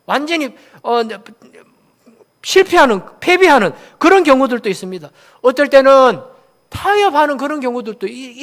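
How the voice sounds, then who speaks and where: A man's voice: extremely high pitch, fairly bright tone. A man from Daegu, South Korea, preaching a sermon as a pastor, asking the congregation questions and having them repeat phrases after him.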